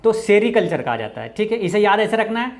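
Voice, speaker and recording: A man with a Bihari Hindi accent teaching exam-prep quiz answers, often dropping low and quiet for "keep this in mind". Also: very animated, quick pace. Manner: repeats "ye dhyan rakhna hai" with a low, quiet drop.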